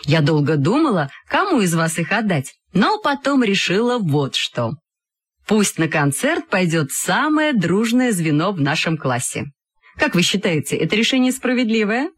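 A woman voicing a calm, fair-minded schoolteacher speaking to her class in a measured way. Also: medium pitch, breathy edge, dry recording, clean studio sound.

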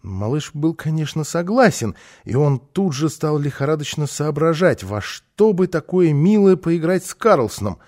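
A male narrator reads a children's story aloud, his voice sitting a touch higher than most men's. He tells it with lively, expressive phrasing. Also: normal speed.

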